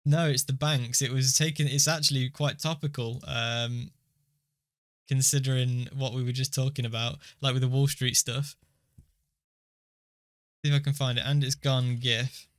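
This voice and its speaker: A podcast co-host chats casually, joking around, riffing on jokes and laughing easily. His medium-pitched voice is delivered flatly at a moderate pace.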